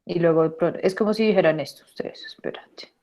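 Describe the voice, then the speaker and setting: A woman teaching an online English lesson, repeating words slowly to model pronunciation. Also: on the low side, darkish tone.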